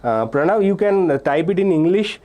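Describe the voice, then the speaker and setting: With a high, darkish voice and lively intonation at normal speed, a young Indian man leads a live online class preparing students for a physics exam. He goes step by step, reading names and answers from the chat and restating key points between "uh"s and "okay"s.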